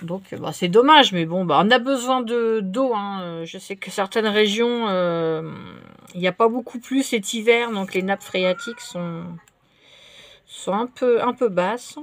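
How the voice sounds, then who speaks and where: A woman chatting casually while she crafts at her table, relaxed and full of fillers. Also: mid-range voice, unhurried, dry recording. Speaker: craft vlogger.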